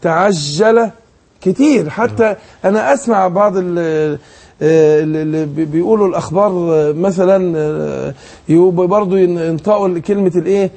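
Man, Egyptian accent, tajweed teacher, high but dark voice, patient questioning, slow demonstrations. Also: creaky. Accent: Egyptian Arabic. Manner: explains patiently, asks leading questions, demonstrates slow recitation. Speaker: Quran recitation teacher. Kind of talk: tajweed lesson.

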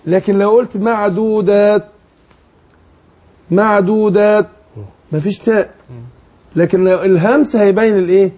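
A man with an Egyptian accent leads a Quran recitation lesson in a raised but mellow voice. He explains each rule patiently and keeps asking his student to fill in the answers. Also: sits high, steady tone. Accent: Egyptian Arabic. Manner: explains patiently, asks leading questions, demonstrates slow recitation. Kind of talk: tajweed lesson.

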